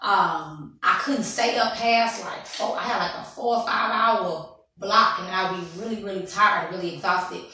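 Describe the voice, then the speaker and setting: A woman in her thirties, a radio host and worship leader, chatting as a guest in an animated, laughing way in a studio, at a stand mic filmed from across the room. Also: medium pitch, measured pace, far from the mic. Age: 30s. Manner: animated, laughing, churchy exclamations. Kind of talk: lively radio interview chat. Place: radio studio, seated on couch. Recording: echoey room, voice from afar.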